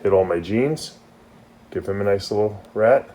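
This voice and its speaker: A man who breeds snakes, talking casually through a feeding vlog and sometimes dropping to a hushed voice. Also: fairly low pitch, moderate pace. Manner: chatty, drops to a hush. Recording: background music.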